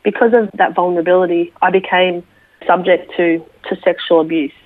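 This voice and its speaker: An Australian woman, a military veteran, sharing her story slowly and reflectively as an interview guest, with many small fillers. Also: lowish voice, level tone, dry recording. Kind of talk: personal testimony interview. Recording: tinny phone line, dry.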